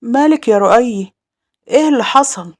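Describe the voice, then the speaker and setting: A woman voicing a gentle young village husband who comforts his wife, with an Egyptian accent. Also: a little high, expressive, brisk. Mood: concerned.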